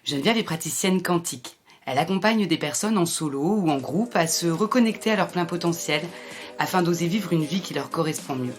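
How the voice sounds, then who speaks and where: A woman with a French accent hosting a podcast, reading a measured scripted intro and then chatting with her guest. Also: lowish voice, animated. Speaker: podcast host.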